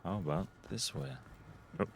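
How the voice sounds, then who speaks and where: A man's voice: lowish voice, expressive, normal speed, creaky, a little hiss or hum. A man giving casual let's play commentary, thinking aloud as he goes, with game sound behind him. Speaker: gamer.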